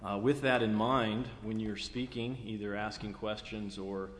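An American man chairing a formal public meeting in a measured, procedural way. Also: fairly low pitch, fairly even intonation, fairly bright tone. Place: large echoey indoor meeting room. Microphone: meeting microphone. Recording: echoey meeting room, clear background noise.

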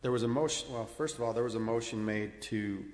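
An American man giving a halting, matter-of-fact report to a public meeting. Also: mid-range voice. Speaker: council member giving a board update. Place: large echoey indoor meeting room. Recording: echoey meeting room, background noise.

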